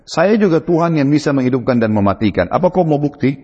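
A man's voice: a little high, animated, quick pace, a little mellow, slightly rough, pitched above the performer's own voice. A preacher voicing an arrogant, boastful ancient king who mocks and challenges, in a dull, echoey hall. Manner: challenging, mocking.

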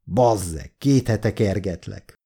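A man reading an audiobook, voicing a skinny young man in a leather jacket who squeals in a high falsetto. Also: creaky, mellow, breathy edge. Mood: furious. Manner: squealing falsetto when pleading.

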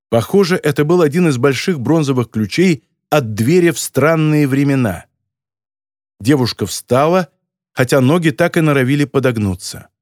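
A man reading a novel aloud as an audiobook narrator, with expressive delivery. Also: medium pitch, dry recording, studio quality. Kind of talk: scripted narration.

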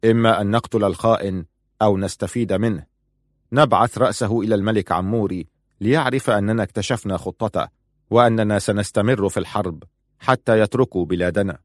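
A man's voice: fairly low pitch, fast talker, no room sound, clean studio sound, natural voice. A male narrator voicing a young warrior husband in an audiobook, speaking with intense, brooding weight. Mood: stern.

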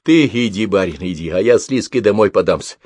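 A man's voice: on the low side, expressive, brisk, darkish tone, dry recording, studio quality. A man voicing a desperate, heavyset peasant woman who wails and pleads, in an audiobook. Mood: tearful pleading. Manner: wailing, pleading.

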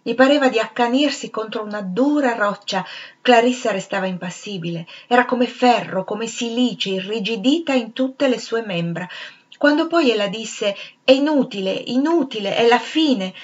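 A woman narrating a literary novel as an audiobook reader, with a measured, expressive delivery. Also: mid-range voice, highs cut off.

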